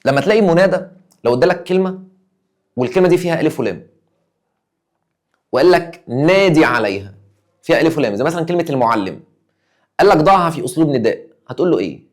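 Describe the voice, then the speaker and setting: A man's voice: a little high, expressive, very fast, pauses often. A young man with an Egyptian Arabic accent, a teacher giving an exam review lesson, emphatic and acting out his students' questions.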